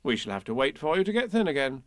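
Storybook boy, read by a man: calm, kind, practical, gently reassuring, slightly raised pitch. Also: fast talker, no echo, studio quality.

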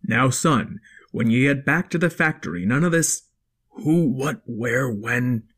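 A woman voicing a stern father dinosaur in a storybook, firm and lecturing in a lowered voice. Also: expressive, unhurried, breathy edge, exaggerated voice. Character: stern, set-in-his-ways father dinosaur. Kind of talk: storybook character voice.

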